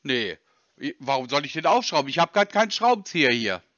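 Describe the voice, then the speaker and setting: A man's voice: a little high, very animated, brisk, fairly bright tone, no room sound, lo-fi sound, voice pushed down. Guy playing a stubborn confused computer user, keeps asking why, dry close sound. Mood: stubbornly puzzled. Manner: feigns confusion, stubborn repeated questions. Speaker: scam-baiting caller. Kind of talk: prank call, playing dumb.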